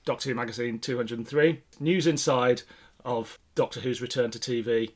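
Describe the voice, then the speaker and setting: In a relaxed, conversational podcast about classic TV sci-fi, this British co-host speaks at a moderate pace. His pitch is medium and his intonation fairly even.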